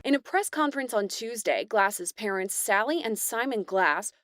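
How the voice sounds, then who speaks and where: Female news narrator, measured and neutral, dry close studio read. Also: mid-range voice, lively intonation, a bit bright, no room sound. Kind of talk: scripted news voice-over. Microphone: studio voice-over mic.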